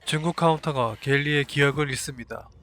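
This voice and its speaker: Slightly high-voiced man narrating a drama recap. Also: a little fast, very noisy. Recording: voice-over with faint music behind.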